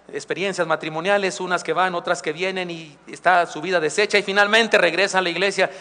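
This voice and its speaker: A man's voice: fairly high pitch, pushed and bright. A man, a pastor preaching a conversational sermon with asides and humor, recorded live in a church. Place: church sanctuary. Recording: live church recording with long hall reverb.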